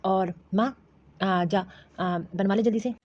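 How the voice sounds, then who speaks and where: A woman voicing a bossy, dismissive young husband and son in an animated cartoon. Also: medium pitch, slow. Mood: casual. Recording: dry, dull lo-fi audio.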